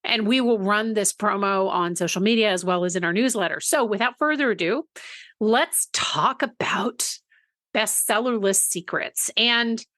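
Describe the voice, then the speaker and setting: A woman's voice: mid-range voice, normal speed, few pauses, a bit bright, no echo, clean studio sound. A woman co-hosting a podcast in a chatty, casual way, often restarting her sentences and laughing easily. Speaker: podcast co-host.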